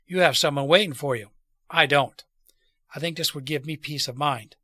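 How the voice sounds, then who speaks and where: A man's voice: fairly high pitch, moderate pace, bright, forceful tone, dry recording, studio quality. A man voicing a frank, reflective, resolute woman fugitive in a storybook read aloud. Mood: calm resolve.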